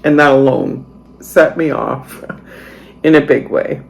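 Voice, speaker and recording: A woman's voice: extremely low pitch, takes it slowly, gravelly, low-quality recording. A middle-aged woman vlogger talking casually to her viewers, chatty and dryly sarcastic as she tells a story. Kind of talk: casual chatty voice-over vlog.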